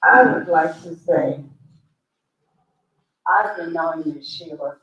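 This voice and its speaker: A woman's voice: low-pitched, slow, vocal fry, fairly bright tone, muffled recording. A woman in her eighties from Staten Island, New York City, speaking up from the audience with emotional, effusive praise. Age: 80s. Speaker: audience member. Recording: roomy and distant.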